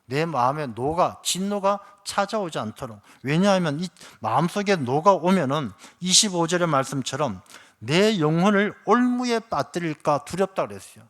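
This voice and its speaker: A man preaching from the pulpit in a church, his voice sitting a little high for a man. He tells stories with animated swings in his delivery, slipping into the voices of the characters he describes. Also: normal speed. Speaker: pastor. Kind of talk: sermon with storytelling. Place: church sanctuary.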